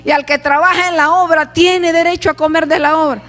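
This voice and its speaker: A middle-aged woman preaching a fervent sermon, exhorting her listeners and breaking into shouts. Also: extremely high pitch, steady tone, fairly quick. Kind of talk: fervent Pentecostal-style sermon. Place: church sanctuary. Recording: long church hall reverb.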